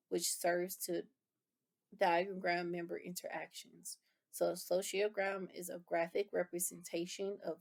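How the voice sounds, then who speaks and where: An instructor reviews course material in a lecture, explaining terms and rephrasing them with casual fillers. Her voice is fairly low and darkish, with vocal fry.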